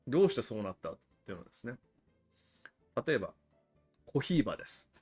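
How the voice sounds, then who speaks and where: A man's voice: fairly low pitch, big pitch swings, fast talker, darkish tone, slightly rough, soft background music. A man hosting a livestream about cigars, explaining things in a chatty, casual way with frequent asides to viewers. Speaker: cigar channel host.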